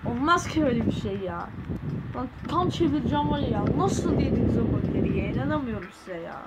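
A woman with a high, bright voice runs live commentary over a football video game. She flares up fast, cursing and shouting at her own team and the referee. A steady hiss of noise sits under the recording. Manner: hot-tempered, swears and yells at the game. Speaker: gaming channel host.

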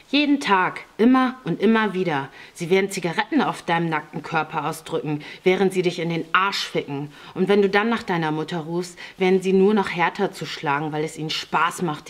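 A woman's voice: fairly low pitch, natural voice. A woman voicing a hard, threatening grown man in an audiobook reading. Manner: harsh, threatening. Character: stern, menacing grown man.

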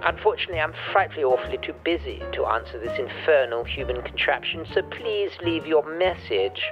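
A man's voice: on the high side, lively intonation, highs cut off, over music, pitched above the performer's own voice. Man putting on a haughty posh gent on a landline answering machine. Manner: haughty, drawn-out delivery. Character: pompous posh upper-class English gentleman. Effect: answering machine greeting over a landline phone.

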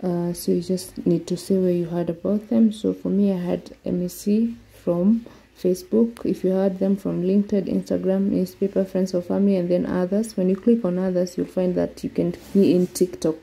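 A woman's voice: on the low side, flat delivery, vocal fry, warm tone. A Kenyan woman walking viewers through an online form step by step in a screen-recorded tutorial. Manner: slow, step-by-step explaining. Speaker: vlogger.

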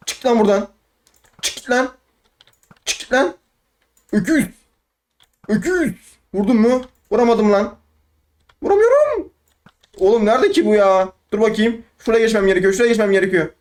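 A young man giving excitable, rambling let's play commentary, trash-talking opponents and talking to himself. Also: high-pitched, fairly quick. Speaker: gaming YouTuber.

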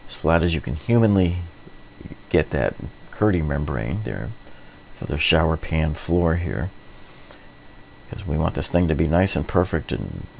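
A middle-aged man with a low, gravelly voice hosts a hands-on DIY renovation tutorial, explaining things informally and often repeating himself. A little hiss or hum sits in the recording.

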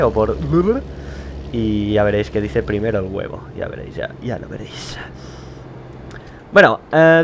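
A young man with a Spain Spanish accent, rambling and joking at himself in casual let's-play commentary from a home studio. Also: mid-range voice. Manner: rambling, chatty, self-mocking, laughs often. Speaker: gaming YouTuber. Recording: loud driving game engine noise behind.

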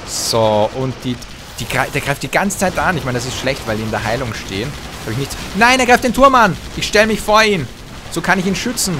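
A young man gives lively, trash-talking commentary over his own gameplay, humming and muttering to himself. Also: medium pitch, noisy background. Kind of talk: excited let's-play commentary. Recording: game sound effects and gunfire behind voice.

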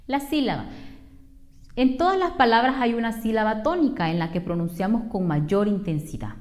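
A woman teacher with a Honduran Spanish accent, narrating a spelling and accent lesson and saying example words slowly and carefully. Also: on the high side, lively intonation. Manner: slow, careful over-enunciation of example words.

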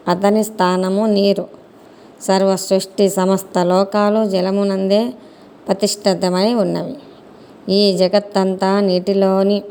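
A woman voicing the god Brahma as a solemn, wise creator father, explaining at a slow pace in a mellow voice. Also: medium pitch, clear, resonant tone, lightly acted.

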